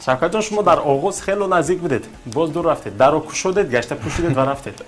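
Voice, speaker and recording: Over soft background music, a man with a fairly high voice and a Tajik accent hosts a TV quiz show. He coaxes the contestants along and repeats their answers back to them.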